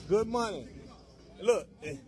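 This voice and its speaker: With some chatter behind him and loud music playing, a man in his forties records lifters in a large indoor gym on his handheld phone. His high voice is animated yet measured in pace as he chants catchphrases and counts off reps to pump them up.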